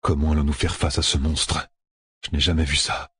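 A man's voice: rumbling low, level tone, normal speed, fairly bright tone, pitched below the performer's own voice. A man voicing a defeated, humiliated male warrior in an audiobook, speaking in a weary, subdued, almost trembling way.

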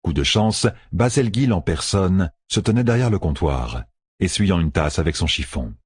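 A man narrating a fantasy audiobook in an expressive, storytelling manner, close to the mic. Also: low voice, normal speed, slightly rough, dry recording.

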